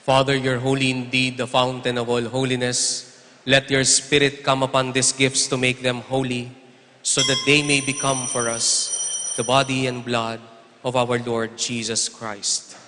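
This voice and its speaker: Male priest, bright and even-toned, steady measured intoning, cathedral echo trailing every phrase. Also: mid-range voice. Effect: cathedral echo, long church reverb. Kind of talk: liturgical prayer recitation. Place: large church. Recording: long echoey church reverb.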